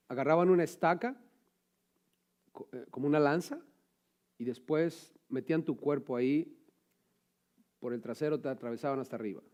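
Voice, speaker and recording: Male pastor with a fairly high voice, preaching with emphatic rhetorical questions. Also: a little mellow. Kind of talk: sermon. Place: church sanctuary.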